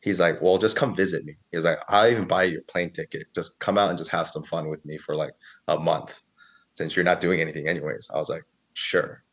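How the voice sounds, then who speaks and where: Very deep-voiced man in his thirties. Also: steady tone, a little fast, a bit bright. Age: 30s. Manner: rambling, filler-heavy, quotes others. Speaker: guest. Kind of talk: casual interview storytelling.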